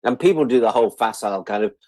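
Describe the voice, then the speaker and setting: This English guest, middle-aged, speaks in rapid bursts at a medium pitch with a darkish tone, and there's no room sound. In a casual, reflective interview chat he stays wry and pokes fun at himself, voicing imagined quotes as he goes.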